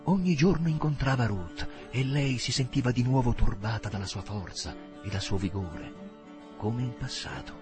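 A man narrating a novel aloud with expressive, dramatic phrasing. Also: medium pitch, moderate pace, over music. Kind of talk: audiobook reading.

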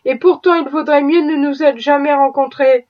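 A bitter, impassioned young husband pours out his grievances, read by a woman who barely changes her voice. The tone is high, and the recording is muffled and lo-fi. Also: steady tone, normal speed, lightly acted. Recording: dull lo-fi recording.

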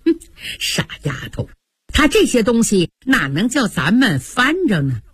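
A woman voicing a sharp, bossy young noblewoman who runs the household, brisk and commanding in a storytelling broadcast. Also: a little high, big pitch swings, husky, no room sound, studio quality, heavily acted. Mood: teasing.

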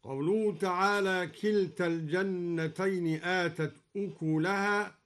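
On a live radio broadcast, an Egyptian-accented Quran scholar explains reading variants, chanting each verse slowly and melodically as an example. His voice sits high, steady and a bit bright, and he alternates plain explanation with slow melodic recitation.

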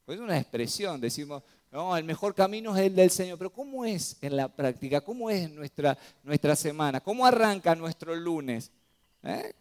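A man's voice: on the high side, big pitch swings, moderate pace. A male pastor with a Rioplatense Spanish accent, preaching a sermon and often asking his congregation questions. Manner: asks the congregation frequent rhetorical questions, checks with "¿sí?". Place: church.

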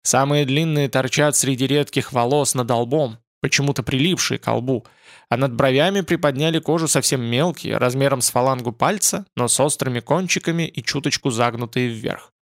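A man narrating a fantasy audiobook in an expressive, lively reading. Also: medium pitch, moderate pace, dry recording, clean studio sound.

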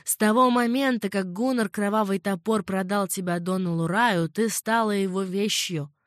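A woman reading an audiobook, voicing a worldly old female servant who speaks calmly and patiently. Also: medium pitch, normal speed, dry recording, clean studio sound, close to an everyday voice. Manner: unruffled, coaxing and patient.

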